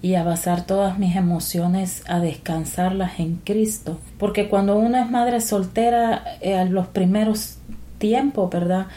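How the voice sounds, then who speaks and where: Mellow woman in her forties. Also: medium pitch, steady tone. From El Salvador. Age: 40s. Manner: earnest and unhurried, with devout phrasing. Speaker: guest. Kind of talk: personal testimony in conversation.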